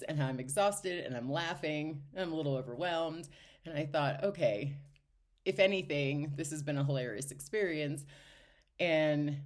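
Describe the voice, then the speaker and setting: A woman's voice: low voice, a little mellow. A woman spiritual life coach telling a personal story in a chatty way, often laughing as she goes. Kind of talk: casual storytelling to camera.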